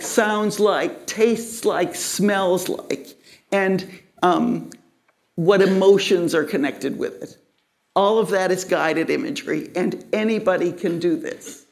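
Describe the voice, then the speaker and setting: A woman teaching guided imagery to a live audience in a crowded room, explaining in a measured way. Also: lowish voice, a little mellow. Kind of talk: live lecture to a group.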